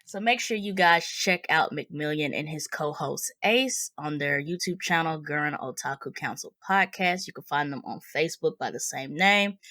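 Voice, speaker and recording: A woman's voice: on the low side, fairly bright tone, no room sound, clean studio sound. A woman hosting a review podcast, talking in an informal, slangy, conversational way. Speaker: podcast host. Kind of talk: casual movie review podcast.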